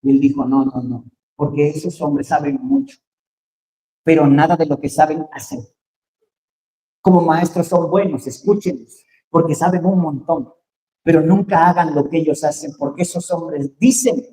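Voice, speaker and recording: A male pastor with a Mexican accent delivers an impassioned sermon, his high voice rising from hushed asides to loud calls. The sound carries the echo of a church room. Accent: Mexican Spanish. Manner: impassioned preaching, swings from quiet to loud exhortation. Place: church hall.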